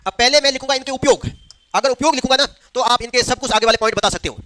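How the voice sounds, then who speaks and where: A man teaches a lecture in a very high, fast voice, firing questions at the class and then answering them himself. His tone is bright and the sound is dry. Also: no room sound.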